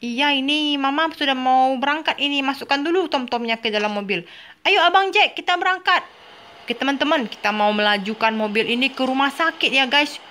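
A woman's voice: high voice, brisk, hardly any pauses, sharp tone. A woman hosting a gaming channel, narrating a game for kids in a playful, chatty way and often addressing her viewers.

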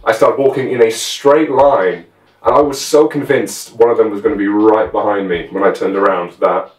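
This twenties-aged male guest swaps stories in relaxed conversation, his voice fairly low and his speed normal. Recorded at a distance in a small bedroom, the audio carries roomy echo and a trace of music.

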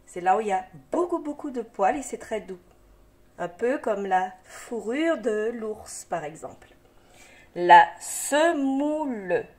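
A woman's voice: medium pitch, animated, measured pace, a little mellow. A woman teacher guiding young children through a reading lesson, encouraging them and sounding out syllables patiently. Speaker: primary school teacher.

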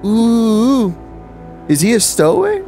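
A man's voice: a little high, expressive, normal speed, faint music behind. A young man chatting casually and laughing often while playing a video game with a friend. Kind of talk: casual let's-play commentary.

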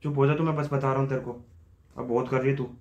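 Brief: quick, high-pitched man, stubborn bickering in an echoey bedroom. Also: level tone, dull audio. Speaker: vlogger pranking his wife. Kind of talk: staged prank banter. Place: bedroom at home.

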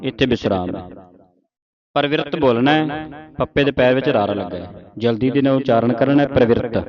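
A man teaching the pronunciation of scripture, reciting verses slowly syllable by syllable and explaining where to pause. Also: mid-range voice. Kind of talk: recitation lesson. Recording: dull lo-fi with crowd behind.

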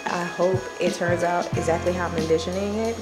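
Woman, American accent, lowish pitch, casual candid vlog talk, music clearly behind. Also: fairly even intonation, brisk. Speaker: family vlogger. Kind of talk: casual vlog chat to viewers.

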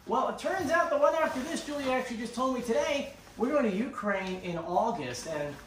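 A man's voice: extremely high pitch, lively intonation, fairly quick, fairly bright tone. A young man vlogging casually at home, walking through his hiking gear in a rambling, chatty way. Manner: chatty, rambling with fillers and restarts. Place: living room floor, indoors. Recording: roomy, distant camera mic, faint hiss.

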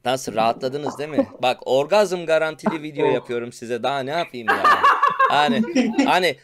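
A man's voice: medium pitch, brisk, very noisy. A man streaming live, reacting to a clip with laughter, swearing and mocking remarks.

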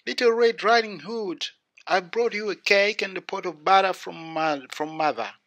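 A man's voice: high voice, moderate pace, a bit bright, voice pushed up. A man voicing an innocent, polite little girl in a storybook tale, naive and wide-eyed. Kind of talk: storybook character voice.

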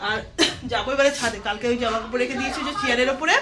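A hoarse woman with a cold, chatting directly with viewers in a casual daily vlog recorded around her home. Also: a little high, racing, a loud crowd. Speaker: vlogger. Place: at home, kitchen and rooftop. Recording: home recording with clear background noise.

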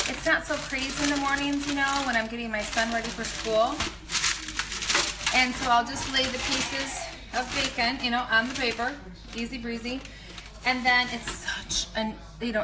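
Heavy background noise surrounds this fairly high-pitched woman as she gives casual live-video meal prep tips in her home kitchen. A pregnant nutrition coach in her thirties, she talks chattily and rambles with animated asides, filming on a phone held at arm's length.

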